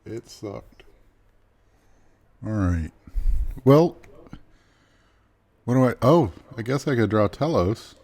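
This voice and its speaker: A man's voice: fairly low pitch, animated, a little mellow, dry recording. A man co-hosting a podcast, chatting casually and rambling a little while he draws. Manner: slow, rambling, self-deprecating. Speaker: podcast co-host and artist. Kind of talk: casual chat while drawing.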